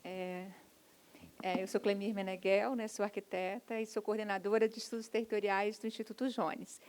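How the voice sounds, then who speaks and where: A woman from Espírito Santo in Brazil, an architect, asking a question at a seminar with an uneven, halting pace and many fillers. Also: medium pitch, flat delivery, darkish tone. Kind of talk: audience question. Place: seminar auditorium.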